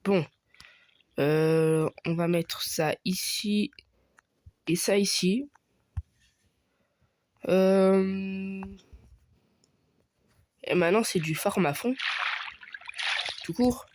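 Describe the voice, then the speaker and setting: A man's voice: high-pitched, drawn-out words, pauses often, darkish tone. A young man giving casual commentary over his own gameplay, thinking aloud with many hesitations and fillers. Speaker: gaming youtuber.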